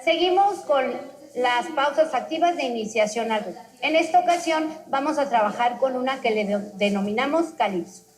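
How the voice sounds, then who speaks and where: A high-voiced woman leads a rhythm lesson, calling out beat words in an even chant. Music plays behind her. The sound comes from a television picked up by a home recorder. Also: normal speed, poor audio. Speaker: physical education instructor. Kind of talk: instructional demonstration. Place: studio heard through a home TV recording.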